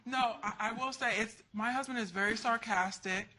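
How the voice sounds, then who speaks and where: A woman with a bright, forceful voice speaks as a litigant in a TV court. She complains bluntly and conversationally, acting out bits of past arguments as she goes. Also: fairly high pitch, normal speed, poor audio. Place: TV courtroom studio.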